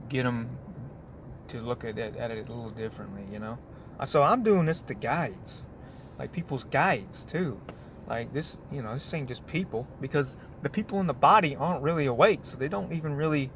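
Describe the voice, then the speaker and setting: A man's voice: mid-range voice, slight background noise. Rambling man chatting on break. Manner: meandering, full of restarts and "you know what I mean". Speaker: vlogger. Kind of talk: casual rambling monologue.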